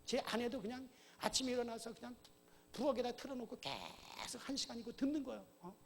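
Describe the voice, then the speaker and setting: A man preaching a sermon as pastor to his congregation in a church, often checking in with a quick "eh?" and rising into loud commands. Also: very high-pitched, lively intonation, gravelly. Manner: asks the congregation "어?" often, shouts commands at Satan. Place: church sanctuary. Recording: long church hall reverb.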